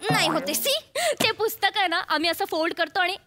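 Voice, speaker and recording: A woman's voice: very high-pitched, animated, fairly quick, noisy background. A woman playing a careless, snobbish rich madam who mixes in English phrases and mispronounces words, in a comedy sketch. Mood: haughty.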